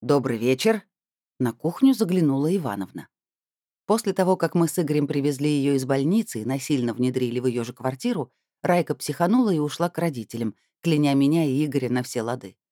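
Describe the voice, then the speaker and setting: A woman's voice: extremely low pitch, animated, fast talker, warm tone, no echo, clean studio sound. A woman narrating a first-person novel in a wry, conversational storytelling manner. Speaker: audiobook narrator.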